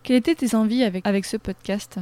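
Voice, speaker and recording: A woman's voice: a little high, fast, warm tone, no echo. A woman interviewing a fellow podcaster, asking short encouraging questions.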